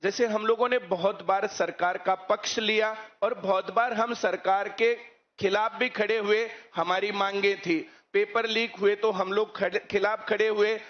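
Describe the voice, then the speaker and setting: A coaching teacher lectures his students on current issues, repeatedly posing rhetorical questions. His voice is high, fairly even in intonation and unhurried, captured in a muffled lo-fi recording.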